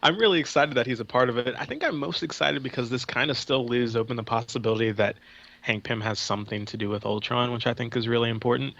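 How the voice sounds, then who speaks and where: Male podcast co-host, bright sharp voice, easygoing casual chat. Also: mid-range voice, quick pace, vocal fry, dull audio.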